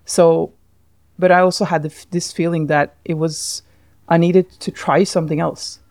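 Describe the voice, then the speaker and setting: A woman's voice: lowish voice, level tone, normal speed, darkish tone, no echo, clean studio sound. A Norwegian woman co-hosting a podcast, talking thoughtfully in casual chat and laughing often. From Norway. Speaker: podcast co-host.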